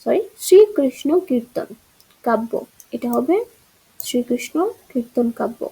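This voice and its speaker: A woman's voice: on the high side, animated, a little slow, vocal fry, mellow, slightly rough, rough recording. A woman teaching an exam-prep grammar lesson, walking through answer choices and checking in with rhetorical questions.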